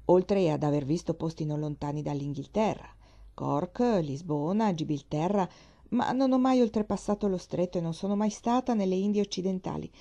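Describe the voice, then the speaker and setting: A woman's voice: on the low side, moderate pace, vocal fry, warm tone. A woman reading the part of a forthright middle-aged navy wife, speaking emphatically, as if lecturing. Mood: recounting.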